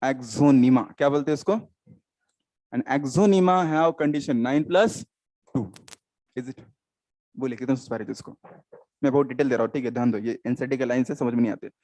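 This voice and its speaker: A man's voice: medium pitch, fairly even intonation, fast, pauses often, mellow, no room sound. An Indian man teaching biology in a live class, often quizzing students and repeating terms, switching into English.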